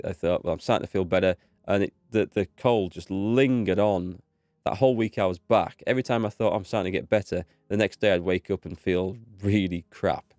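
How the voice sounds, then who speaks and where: A gaming video host with a cold talks through a relaxed let's play, thinking aloud and reading in-game text in an easygoing way. His voice sits on the low side, a little mellow and slightly stuffy from a blocked nose that hasn't recovered yet. The recording is clean studio sound with no echo.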